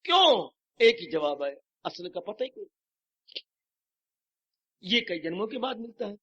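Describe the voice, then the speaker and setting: A man's voice: high-pitched, sing-song, a little slow, a bit bright, slightly rough. A man, a swami, giving a devotional sermon with emphatic rhetorical questions and English phrases mixed in, on an old lo-fi tape recording. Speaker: swami preacher. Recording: dull lo-fi 1990s tape recording.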